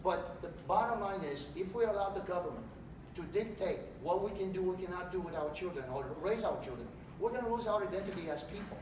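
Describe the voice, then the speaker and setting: A middle-aged man from Romania, a political candidate giving an animated campaign speech in a large hotel meeting room. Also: high voice, fast. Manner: animated, gesturing while speaking. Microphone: far camera. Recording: echoey room, distant mic, background noise.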